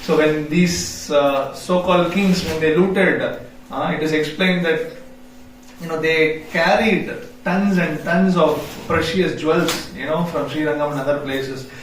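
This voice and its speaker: A man's voice: fairly high pitch, steady tone, a little slow, a little hiss or hum. A man giving a devotional scripture class in a temple, telling the story conversationally with frequent "you know" and quizzing his listeners. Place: temple hall. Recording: echoey hall from far off.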